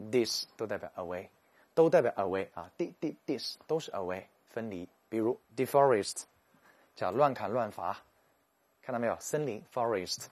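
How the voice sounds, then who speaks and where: A man giving a lively, joking English vocabulary lecture, slowing down to sound out English words. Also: on the low side. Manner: animated, jokey, stretches English words slowly to show pronunciation.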